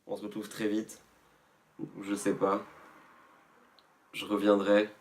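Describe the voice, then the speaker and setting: A man's voice: fairly low pitch, completely flat delivery, unhurried, a little hiss or hum. A man vlogging casually about clothes he bought, rambling and self-mocking with lots of fillers and asides. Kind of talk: casual fashion haul vlog.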